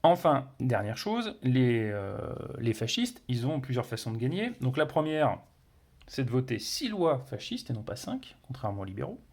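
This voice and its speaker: A man's voice: medium pitch, very animated, normal speed, darkish tone. A man reviewing a board game, explaining its rules casually with many fillers, restarts and playful sound words. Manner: hesitant, many fillers and self-corrections.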